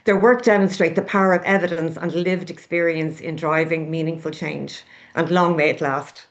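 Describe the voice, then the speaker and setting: A woman delivers a measured, courteous welcome as director of an institute. Her voice is somewhat low. It comes through dull, lo-fi video call audio. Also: fairly even intonation. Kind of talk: formal welcome speech.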